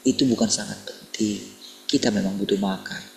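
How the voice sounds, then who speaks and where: A middle-aged man delivering a sermon in a deep, heavily gravelly voice full of creak. He keeps turning to his listeners with rhetorical questions. A faint hum sits underneath him. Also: fairly even intonation, moderate pace, low-quality recording. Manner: rhetorical questions, addresses listeners as brothers and sisters. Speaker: preacher.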